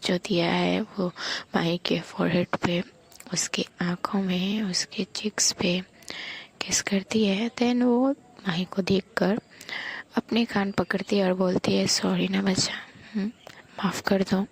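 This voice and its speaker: A woman narrating a romantic audio story in a soft, intimate whisper. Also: medium pitch, steady tone, takes it slowly, breathy edge.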